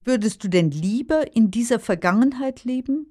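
A woman's voice: fairly high pitch, animated, moderate pace, dark tone. Woman acting a dry, skeptical grown daughter. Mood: skeptical, questioning. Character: practical, skeptical grown daughter of a nostalgic father. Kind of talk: scripted language-lesson dialogue.

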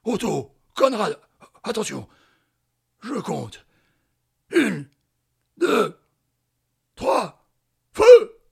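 A furious villain in a radio play, barking short, harsh commands at his men. His voice sits low and rough, with a raspy edge. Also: sing-song, very slow, pauses often, heavily acted. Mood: commanding. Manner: barking orders.

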